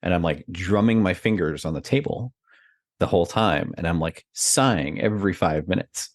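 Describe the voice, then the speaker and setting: Very deep-voiced man telling a story. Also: normal speed, dry recording, clean studio sound. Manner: storytelling, laughs often, many fillers. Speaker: podcast co-host. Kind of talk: casual conversation.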